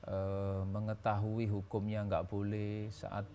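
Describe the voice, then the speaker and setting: A man's voice: on the low side, monotone, takes it slowly, mellow, faint music behind. A man teaching as a religious scholar on a talk show, patiently explaining rules with everyday examples.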